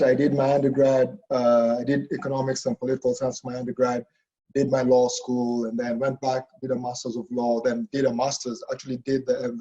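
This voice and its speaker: A Kenyan professor speaks casually in an online info session, his mid-range voice dark in tone and the sound lo-fi. He is chatty, restarting sentences and often asking "okay?".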